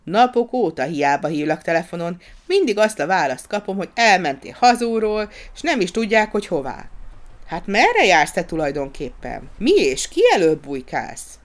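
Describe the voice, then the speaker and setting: A reader voicing a loud, well-meaning middle-aged country gentleman in a dramatized audiobook, speaking in a booming, hearty way. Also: sing-song. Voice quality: booming and repetitive.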